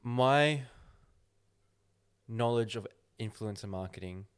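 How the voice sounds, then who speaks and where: A man hosting a casual podcast chat, talking slowly and deliberately as he gives his opinions. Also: fairly low pitch, clean tone. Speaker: podcast host.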